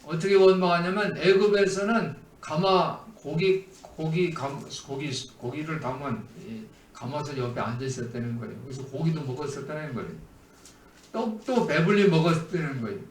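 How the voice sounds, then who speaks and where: A man's voice: a little high, normal speed, reverberant, recorded from a distance, a little hiss or hum. A man preaching a sermon as pastor, asking the congregation questions as he teaches. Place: church sanctuary.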